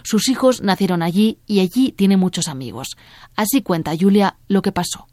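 A woman hosting a news podcast, reading a scripted introduction and asking interview questions in a clear, measured way. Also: mid-range voice, animated, darkish tone.

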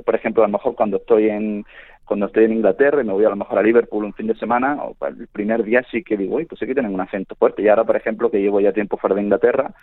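A man calls in to a radio program as a linguist guest and explains at length, restarting his sentences often. His voice sits a little low and moves at a brisk clip. The sound is thin and dry, like a telephone line. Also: fairly even intonation, no echo. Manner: explanatory, halting with frequent restarts. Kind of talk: radio phone interview. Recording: tinny phone line into a radio studio.

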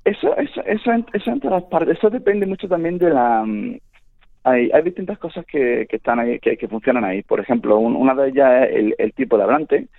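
A man being interviewed on the radio as a linguist, explaining in a halting way with frequent restarts. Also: medium pitch, sing-song, gravelly, no room sound. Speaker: linguist guest. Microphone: telephone. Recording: tinny phone line into a radio studio.

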